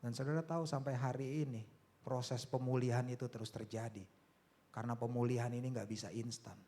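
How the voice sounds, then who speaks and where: A middle-aged Indonesian man preaching a youth sermon, telling a personal story and rising to loud, emotional peaks. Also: mid-range voice, steady tone, brisk. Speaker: youth pastor.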